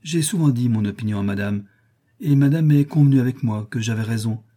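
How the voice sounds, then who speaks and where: A man's voice: medium pitch, fairly quick, dark tone, close to an everyday voice. A man voicing a stern, pious middle-aged maid in a storybook reading, who scolds in a self-righteous way. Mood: scolding.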